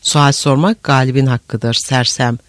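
A man's voice: medium pitch, fairly even intonation, a little slow, dry recording, studio quality, natural voice. A man doing a cruel gloating Mongol prince. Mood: cruel, commanding. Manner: mocking, commanding, contemptuous. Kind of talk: audiobook character voice.

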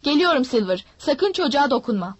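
A woman's voice: high-pitched, sing-song, a little fast, dry recording, muffled recording. A woman voicing a stern father who answers curtly and seriously. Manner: curt, serious. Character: grim, stern father, curt.

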